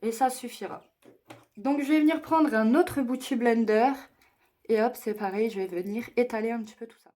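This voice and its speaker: A young beauty vlogger chats through a makeup tutorial, walking through each step and joking at her own expense. Her voice is a little high with a dark tone, at normal speed.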